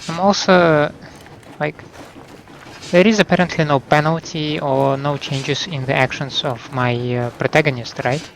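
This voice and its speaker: A man's voice: a little high, fairly even intonation, a little slow, vocal fry, slight background noise. A man giving casual spoken commentary as a gamer while playing a video game.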